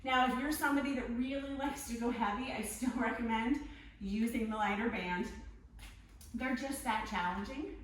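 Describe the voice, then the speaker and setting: Echoey, higher-voiced woman aerobics instructor. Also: moderate pace. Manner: counting and cueing moves in short encouraging commands; physically exerting while talking. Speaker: fitness instructor. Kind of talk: aerobics instructor leading a live workout class. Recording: very echoey room, distant mic, faint noise.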